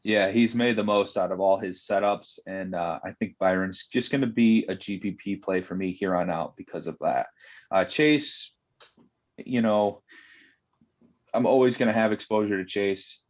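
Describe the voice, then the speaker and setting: Man with a lower voice on dull, lo-fi audio. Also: moderate pace. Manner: steady, leads the discussion with questions. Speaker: co-host, fantasy sports analyst. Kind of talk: casual podcast chat.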